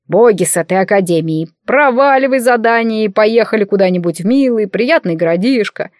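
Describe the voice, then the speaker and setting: A woman's voice: mid-range voice, darkish tone, no echo, studio quality, lightly acted. Woman doing a nagging little cabinet familiar. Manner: nagging, cheeky, fussing. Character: meddling male familiar, a little walking cabinet.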